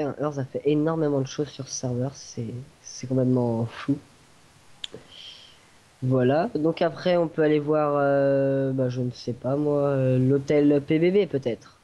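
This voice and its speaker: A man's voice: fairly high pitch, warm tone. Dull lo-fi man, hesitant game tour. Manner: hesitant, searching for words. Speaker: server tour guide. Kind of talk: casual game walkthrough commentary. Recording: dull lo-fi home recording.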